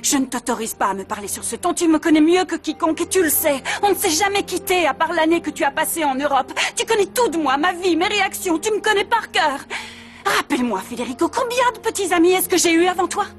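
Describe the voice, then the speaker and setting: A woman's voice: very high voice, lively intonation, fast talker, soft background music. A haughty pregnant young woman. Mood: offended. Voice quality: haughty, indignant. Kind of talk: French dub of a telenovela.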